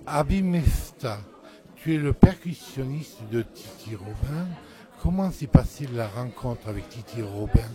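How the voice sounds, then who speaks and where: A man's voice: mid-range voice, expressive, unhurried, warm tone. A man interviewing musicians, asking plain, direct questions.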